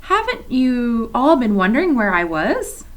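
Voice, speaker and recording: A woman reading aloud and voicing an excitable, earnest young girl who insists she is telling the truth. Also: fairly high pitch, a little slow. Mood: eager. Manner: pleading, insistent.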